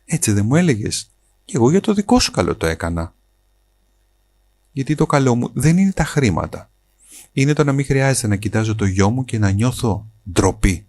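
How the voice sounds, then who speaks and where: A man's voice: mid-range voice, sing-song, long pauses, darkish tone, no room sound, voice pushed up. A man reading a shrewd elderly mother. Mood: calm.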